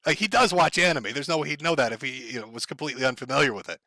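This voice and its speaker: A man's voice: mid-range voice, racing, bright, forceful tone, no room sound. A man hosting a livestream, commenting to his chat in a blunt, profane, sardonic way. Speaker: stream host.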